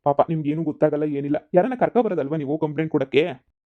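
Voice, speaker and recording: A man's voice: a little high, fast, phone-quality sound, lightly acted. A man voicing a soothing cartoon police officer. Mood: reassuring. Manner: soothing, reassuring, matter-of-fact. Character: patient, sympathetic police officer, adult man. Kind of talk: cartoon comedy voice acting.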